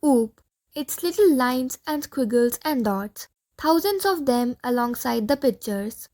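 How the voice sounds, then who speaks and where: A woman's voice: high-pitched, animated, unhurried, darkish tone. A woman reading the part of a giggly, playful young Martian crew member in an audiobook play.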